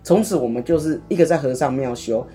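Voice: medium pitch, a little fast, mellow, faint music behind. A podcast co-host, casually chatting and retelling a story theatrically, acting out the dialogue. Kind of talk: casual chat, dramatic storytelling.

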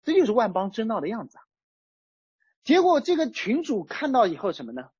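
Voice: medium pitch, wildly swooping pitch, a little fast, darkish tone, husky, no room sound, muffled recording. A preacher giving a sermon in a conversational way, using everyday examples. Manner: conversational, uses everyday chat-group analogies. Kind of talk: sermon on a psalm.

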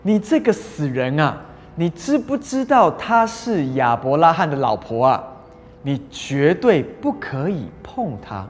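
A man preacher voicing God, solemn and weighty, slow, with long hall reverb and soft music behind. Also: fairly high pitch, big pitch swings. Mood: stern. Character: stern almighty male God, scolding.

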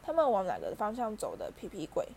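A woman's voice: mid-range voice, wildly swooping pitch, fast talker, a little mellow, slight background noise. A woman voicing a grumpy old male caretaker who mutters and demands answers. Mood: demanding. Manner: muttering and gruff.

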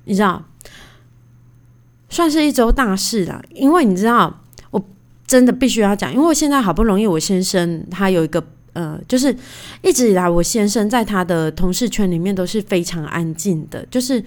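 A woman in her thirties hosting a casual solo podcast, telling stories in a chatty, animated way with lots of fillers. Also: mid-range voice, a little fast. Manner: chatty, animated, indignant retelling; many fillers like "you know". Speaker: podcast host.

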